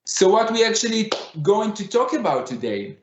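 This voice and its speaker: Male conference speaker, Middle Eastern accent, non-native English, lightly raised pitch, roomy echo on the sound. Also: very animated, moderate pace, background noise. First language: not English. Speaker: conference speaker, digital fashion designer. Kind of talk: conference lecture. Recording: echoey room, slightly dull sound.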